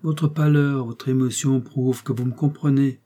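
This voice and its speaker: A man reading aloud gives voice to a troubled young nephew who presses hard with questions. His tone is dark and husky, and he sounds grave and insistent, straight from a spoken storybook. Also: medium pitch, fairly even intonation, normal speed, close to an everyday voice. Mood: urgent.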